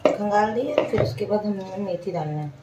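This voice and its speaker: A woman's voice: mid-range voice, normal speed, dark tone, a little hiss or hum. A woman, casually narrating a home cooking vlog and explaining each step to her viewers. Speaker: home cook vlogger. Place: home kitchen. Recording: echoey kitchen, mic far off.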